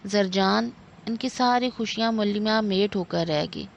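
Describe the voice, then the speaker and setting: A woman reading a novel aloud in a measured storytelling manner. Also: medium pitch, creaky. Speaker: narrator. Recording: dull lo-fi with faint noise.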